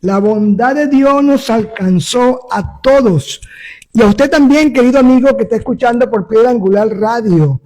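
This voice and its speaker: A man's voice: very high voice, moderate pace, a little mellow, poor audio. A young man, a pastor and radio host, reading scripture emphatically and interviewing in a live-streamed radio program. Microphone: live stream via phone.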